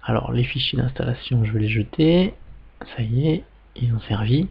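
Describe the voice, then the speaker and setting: A man, patiently walking viewers through a software tutorial step by step, often checking "d'accord?". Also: mid-range voice, animated, normal speed, vocal fry, slightly rough, lo-fi sound. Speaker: web tutorial instructor. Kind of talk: screen-recorded software tutorial.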